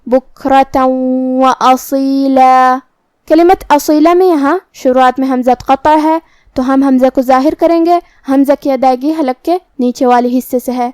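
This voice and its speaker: High-voiced woman teaching recitation. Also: warm tone, dry recording. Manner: methodical, explains each letter and rule in turn; slow, drawn-out recitation when demonstrating verses. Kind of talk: step-by-step pronunciation lesson.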